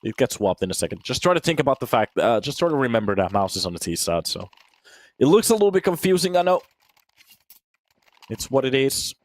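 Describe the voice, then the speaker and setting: A Finnish-raised man in his thirties casts a shooter match solo, delivering lively play-by-play and chatting with viewers, answering their questions between rounds. His mid-range voice is brisk and energetic, recorded with no echo.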